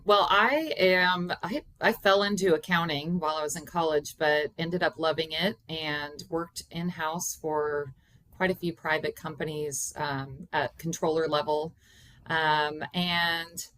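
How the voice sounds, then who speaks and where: A woman in her forties talks as an interview guest on a video call. Her voice is on the low side for a woman, with very little room sound, and her delivery is conversational. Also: steady tone, unhurried, a bit bright, no echo, low-quality recording. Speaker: guest, accounting consultant.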